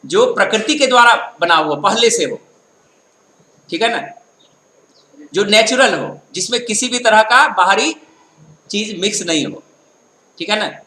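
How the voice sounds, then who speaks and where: A man's voice: high-pitched, expressive, sharp tone. A man teaching accounting in a classroom lecture style, explaining patiently and often checking whether listeners follow. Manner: explanatory, keeps checking understanding with tag questions; reads English definitions slowly, then explains them. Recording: echoey room with faint noise.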